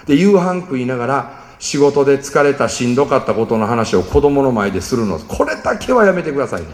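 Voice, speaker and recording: A quick-talking middle-aged man with a Kansai Japanese accent lectures parents. His pitch leaps around as he acts out little family scenes. His voice rings with a long reverb from a large hall. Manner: animated storyteller, acts out family quotes. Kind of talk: lively seminar talk to parents.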